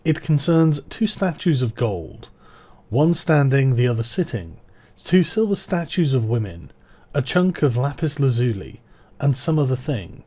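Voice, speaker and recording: A man giving a scripted recitation of historical letters, with a measured, formal delivery in short phrases. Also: medium pitch, sing-song, dark tone, husky. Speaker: reader of ancient texts.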